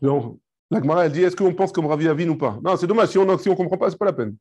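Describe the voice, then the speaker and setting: A man's voice: a little high, expressive, very fast, a little mellow, breathy edge. A rabbi teaching a live Talmud class, explaining step by step, mixing in Hebrew and Aramaic terms and checking with his students.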